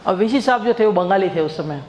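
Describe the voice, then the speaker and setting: A man's voice: high voice, lively intonation, fairly quick. A male coaching teacher giving an exam-prep biology lecture. He jokes and tells stories, and he keeps quizzing the class with repeated questions. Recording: echoey room, faint background noise.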